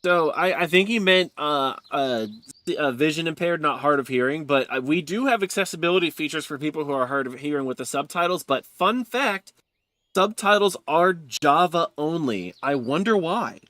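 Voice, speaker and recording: A man's voice: on the high side, expressive, normal speed, fairly bright tone, no room sound. A man streaming a game, chatting casually with viewers and reacting to a video. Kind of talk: casual live-stream chat.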